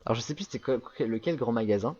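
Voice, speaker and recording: A man's voice: mid-range voice, fast talker, lo-fi sound, a crowd in the background. A young French man rambling through a casual travel anecdote, full of fillers and restarts. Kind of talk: casual storytelling chat.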